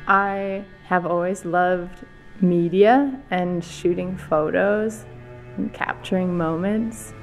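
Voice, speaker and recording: A young woman photographer narrating her trip in a relaxed, thoughtful voice-over. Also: on the low side, slow pace. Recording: voice-over with loud guitar music behind.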